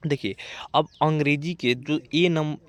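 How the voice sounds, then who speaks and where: A man's voice: a little high, a little slow, no room sound. A young man teaching an English reading lesson, repeating himself often and spelling words out letter by letter before reading them. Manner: repetitive, keeps saying "dekhiye", spells words out letter by letter. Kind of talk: spoken lesson.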